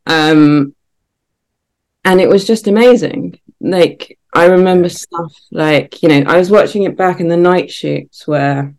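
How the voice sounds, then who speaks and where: A woman's voice: on the low side, measured pace, darkish tone. A woman guest on a podcast, reflecting on memories in casual chat.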